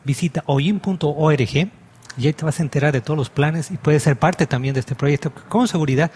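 A man's voice: fairly high pitch, fairly quick, a little mellow, husky. A man who is a pastor hosts a religious TV talk show, welcoming his guests in the manner of a presenter. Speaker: host, pastor.

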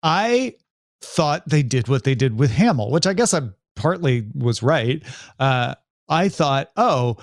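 A man's voice: a little high, dry recording, clean studio sound. A man hosting a podcast, reading out news items with wry casual comments. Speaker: podcast host. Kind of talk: casual chat.

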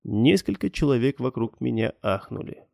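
A man reading a first-person audiobook in a measured, matter-of-fact way. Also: medium pitch, animated, gravelly, a little mellow, no room sound, clean studio sound. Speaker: audiobook narrator.

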